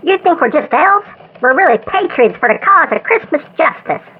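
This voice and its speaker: A woman playing a defiant rebel elf tracker who makes loud, militant demands over a phone line. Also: high-pitched, big pitch swings, normal speed, slight background noise.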